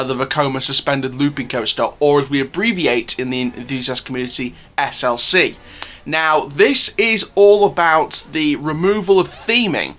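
A man's voice: medium pitch, sharp tone. A man hosting a theme park news channel, talking to viewers in a chatty, enthusiastic fan style. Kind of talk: casual news commentary.

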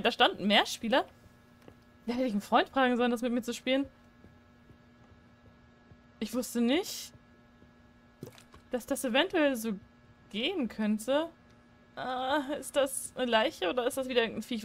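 Woman, high voice, let's play commentary, joking and chatty, desk mic. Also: a bit bright. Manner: chatty, joking, shrieks when startled. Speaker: gaming streamer. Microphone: desk microphone.

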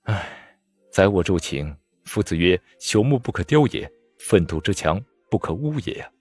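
Man voicing a sighing court scholar, wry, lecturing tone, low voice. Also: big pitch swings, fast, a little mellow, breathy edge, faint music behind.

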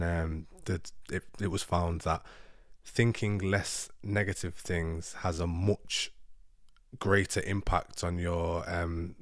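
A low-voiced man in his thirties, a native Urdu speaker, vlogs from his living room sofa, chatting casually and reflectively to camera in a rambling, self-correcting way. He holds a handheld mic close, and the sound is studio quality with no echo.

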